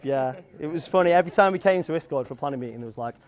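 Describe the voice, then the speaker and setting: A man's voice: on the high side, animated, very fast, darkish tone. A young man with a Manx accent giving an informal wedding speech as the groom, in a joking, rambling, hesitant manner. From Isle of Man. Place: wedding venue. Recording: live event room with guests audible. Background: wedding crowd.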